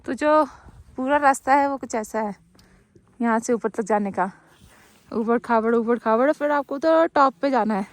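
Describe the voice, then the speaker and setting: A chatty young woman with a fairly high voice, filming herself on a windy mountain top with her phone. She talks in a quick, upbeat way and jokes with her trekking friends. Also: dry recording. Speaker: travel vlogger. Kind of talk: casual vlog narration outdoors. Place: windy mountain summit outdoors. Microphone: handheld phone camera.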